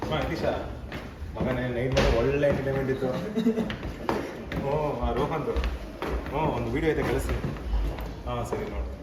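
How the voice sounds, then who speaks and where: A man's voice: medium pitch, fairly even intonation, brisk, long pauses, roomy sound, recorded from a distance, very noisy, lightly acted. A man playing a careless senior student who talks in an offhand, dismissive way. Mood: gleeful.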